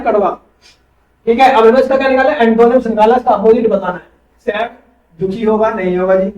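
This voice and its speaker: A male teacher with a high-sitting voice runs an online coaching class, posing quiz questions and then answering them himself. The audio is dull, and he sounds far from the mic in an echoey room.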